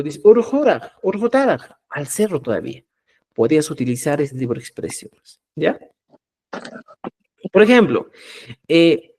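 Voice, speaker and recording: Guy teaching a live class online, slightly high voice, keeps asking if u follow, slow emphatic drilling. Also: a little mellow. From Peru. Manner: checks understanding with repeated "¿ya?". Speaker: Quechua language teacher.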